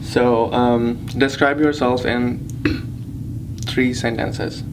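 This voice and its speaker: A man in his twenties being interviewed in an elevator, speaking thoughtfully with many pauses. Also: mid-range voice, level tone, background noise. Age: 20s. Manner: thoughtful, hesitant, reflective. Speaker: interviewee, doctor. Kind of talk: casual conversation.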